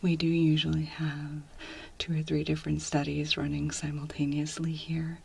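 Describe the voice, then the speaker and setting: A woman in a whispered role-play, speaking as a gentle clinic examiner in a soft, reassuring, step-by-step manner. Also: deep voice, completely flat delivery, moderate pace, gravelly, husky. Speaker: ASMR performer playing a clinician.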